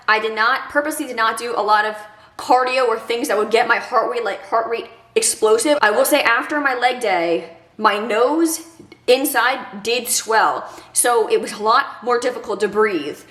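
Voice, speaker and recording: Young woman vlogger, stuffy congested nose, slightly high voice, roomy echo. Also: fairly bright tone. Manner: chatty, many fillers like "like" and "kinda". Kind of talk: casual advice vlog.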